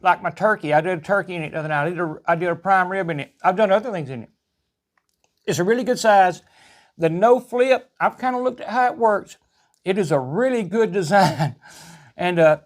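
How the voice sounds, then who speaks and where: High-voiced Southern US man, folksy and chatty. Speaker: home cooking vlog host. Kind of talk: casual cooking demonstration.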